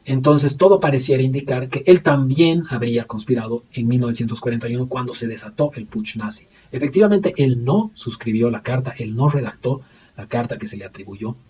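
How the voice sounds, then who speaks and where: A man giving a recorded history presentation in an unscripted way, pausing often with fillers and restarting his sentences. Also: medium pitch, darkish tone, far from the mic, slight background noise. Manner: hesitant, many fillers and restarts.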